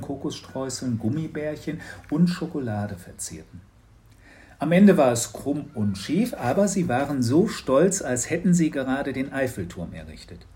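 A man reading a children's audiobook, narrating in a lively, expressive way. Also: mid-range voice.

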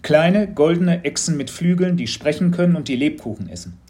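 Audiobook role: male narrator doing a knowing, insinuating teacher, higher and louder than his narration. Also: animated, brisk, close to an everyday voice. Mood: probing. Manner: insinuating, leading questions. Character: mysterious probing male teacher, knowing and sly. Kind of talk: audiobook storytelling.

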